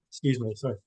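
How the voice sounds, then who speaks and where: A man, a train driver giving a candid, hesitant personal account in a podcast interview. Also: mellow. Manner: hesitant, open, emotionally candid.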